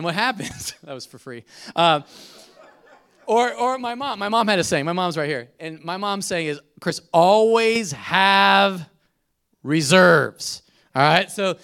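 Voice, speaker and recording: Animated, chatty male pastor. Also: high voice. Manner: conversational, animated storytelling with laughs. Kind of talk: sermon.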